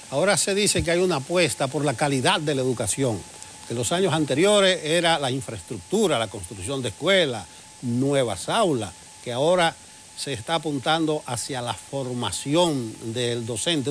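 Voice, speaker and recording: A man's voice: a little high, slight background noise. A man hosting a morning television interview, asking probing, conversational questions. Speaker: TV interviewer host.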